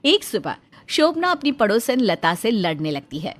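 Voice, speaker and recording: A woman narrating a cartoon story in a lively, storytelling manner. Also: a little high, normal speed.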